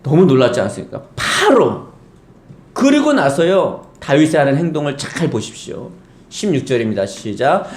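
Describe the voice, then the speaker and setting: An emphatic male pastor preaches a Sunday sermon and keeps asking the congregation rhetorical questions. His fairly high voice swings widely in pitch. It echoes around the church sanctuary.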